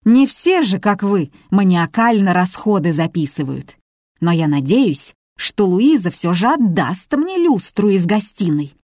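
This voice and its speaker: A woman's voice: medium pitch, big pitch swings, unhurried, a little mellow, dry recording, clean studio sound. A woman voicing a weary female heir who sighs and makes snide remarks. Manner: sighing, faintly snide.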